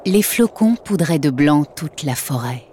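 A woman narrating a children's audiobook in a slow, expressive storytelling manner. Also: low voice, slight background noise.

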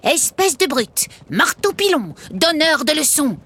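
A woman's voice: sits high, very animated, unhurried, a bit bright, pitched above the performer's own voice, full character voice. A woman voicing a sulky, put-upon male puppet who whines and grumbles in a storybook reading. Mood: grumbling. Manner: whiny grumbling.

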